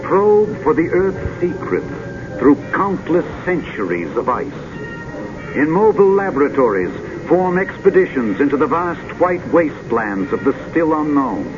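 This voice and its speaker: A man narrating in a grand, dramatic, measured old sci-fi announcer manner, like a vintage futurist documentary, with drawn-out poetic phrasing. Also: a little high, sing-song. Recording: dull vintage film soundtrack with music.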